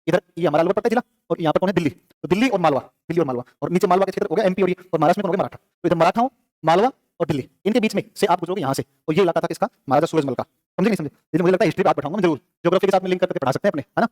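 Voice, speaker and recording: Male classroom teacher, rapid-fire drilling, high voice, dry close sound. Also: darkish tone, no room sound. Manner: quizzes students, answers his own questions; fast, repetitive drilling. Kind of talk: classroom lecture.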